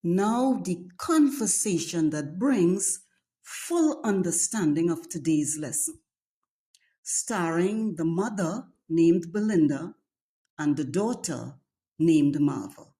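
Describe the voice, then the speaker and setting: A woman with a Trinidadian Caribbean accent, teaching slang as a scripted lesson in a measured, deliberate storytelling delivery. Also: fairly low pitch, lively intonation, dark tone. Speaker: dialect teacher, host.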